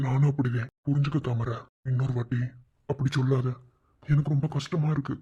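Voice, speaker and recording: A man's voice: mid-range voice, steady tone, a little fast, warm tone, breathy edge. A man voicing a young village husband in a cartoon, firm and pleading, with a Madurai Tamil accent. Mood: earnest. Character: young village husband, gruff but caring. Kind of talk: cartoon voice acting. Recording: dull lo-fi sound.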